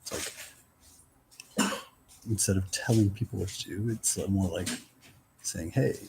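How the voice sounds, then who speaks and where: A man's voice: low voice, a little slow, vocal fry, background noise. A man talking in a loose, meandering casual monologue, full of fillers and little quoted exchanges.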